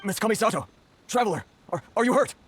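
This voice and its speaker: An actor playing a polite, earnest older merchant in a video game, timid and easily flustered. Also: male voice, high voice, animated, fast, slight background noise. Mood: relieved. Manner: stammering, polite. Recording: music behind the voice.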